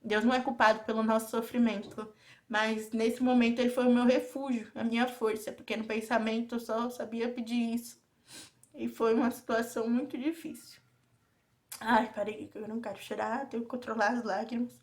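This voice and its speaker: A young woman with a Brazilian Portuguese accent tells a personal story straight to her viewers in a confiding, intimate vlog. Her voice sits a little high, and she keeps pulling the audience in as she talks. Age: young adult. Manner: confiding, often addresses viewers directly. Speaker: vlogger.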